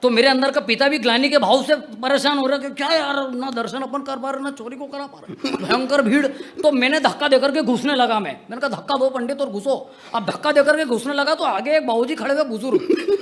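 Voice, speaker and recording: A man's voice: extremely high pitch, a little fast, a bit bright. A young adult man performing comic poetry on stage into a microphone, teasing the audience in a playful joking manner. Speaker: comedic poet. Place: outdoor stage tent at a poetry gathering.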